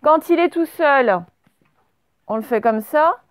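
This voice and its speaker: A woman's voice: sits high, expressive, slow pace, no room sound. A woman teacher giving a classroom dictation, spelling words out letter by letter and quizzing her pupils. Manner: asks pupils questions and praises answers. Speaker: primary school teacher.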